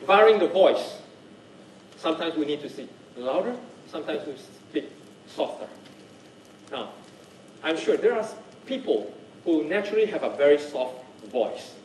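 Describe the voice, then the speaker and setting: A man teaches a public speaking workshop, his voice rising and falling with lively swings. He sits high for a man and keeps checking in with his listeners. The sound is roomy and picked up from some way off. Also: moderate pace, distant mic, a little hiss or hum. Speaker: workshop trainer. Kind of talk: speaking skills workshop talk. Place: workshop room.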